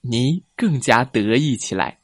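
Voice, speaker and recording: A man reading a children's story aloud with gentle, expressive storytelling. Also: medium pitch, unhurried, no room sound, clean studio sound.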